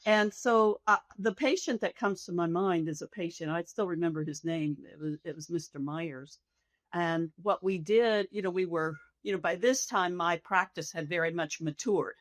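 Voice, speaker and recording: An older woman, a hospice nurse, answering interview questions reflectively in a soft, slow, thoughtful, measured manner. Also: lowish voice, no echo.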